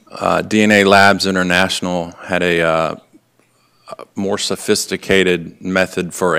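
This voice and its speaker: A male detective gives formal courtroom testimony in a low, flat voice. He is polite and matter-of-fact, and his delivery is clean and smooth. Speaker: lead detective testifying as witness. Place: indoor courtroom.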